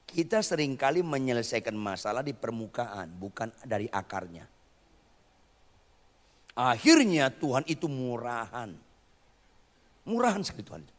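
A man preaching a lively sermon, quizzing his congregation and tossing in jokey asides, in a church hall. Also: medium pitch, moderate pace, pauses often. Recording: long reverb of a church hall.

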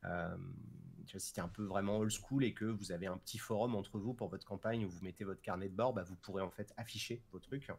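Relaxed man explaining with fillers. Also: low-pitched, fairly quick, husky. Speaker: developer of a role-playing tool. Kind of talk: casual interview chat.

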